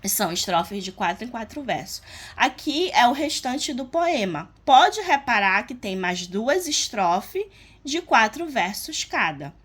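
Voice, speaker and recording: Woman, teacher, slow deliberate pace, frequent check-in questions. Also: a little high, sing-song, a bit bright, husky. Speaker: literature teacher. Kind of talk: explanatory lesson on poetry metrics.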